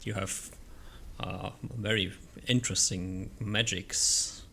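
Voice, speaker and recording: A huge, ancient dragon played by a man in a tabletop game, with a low, creaky, booming dragon voice. It speaks in slow, stately phrases with amused welcome, over faint room noise. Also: fairly even intonation, heavily acted. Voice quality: loud, boomy dragon voice. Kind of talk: tabletop role-play.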